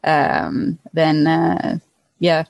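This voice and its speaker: Low-voiced woman, translating in her head. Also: drawn-out words, gravelly, a little mellow, no echo. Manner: hesitant, searching for English words as if translating in head. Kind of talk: casual group chat.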